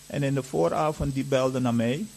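A man's voice: mid-range voice, normal speed, creaky, a little mellow, slight background noise, rough recording. A man giving an earnest personal testimony to an audience, retelling events with lots of reported dialogue.

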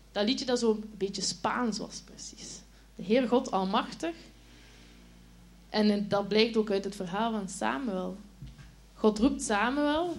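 A woman teacher telling a Bible story to children in a lively, expressive way, asking them questions as she goes. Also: fairly high pitch.

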